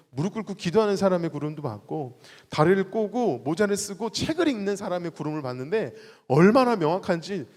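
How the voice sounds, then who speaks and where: A man leading worship and preaching playfully in a church sanctuary, calling out to the congregation and acting out little quotes. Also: sits high. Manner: animated, playful, exclaims and acts out quotes. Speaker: worship leader. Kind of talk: lively sermon with audience call-and-response. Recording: reverberant church hall.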